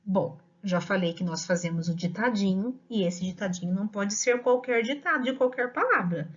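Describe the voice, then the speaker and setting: Lively-voiced Brazilian woman teacher. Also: medium pitch, slightly rough. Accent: Brazilian Portuguese. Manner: patient, explanatory, dictates words slowly. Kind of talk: instructional talk to parents. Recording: dull lo-fi audio.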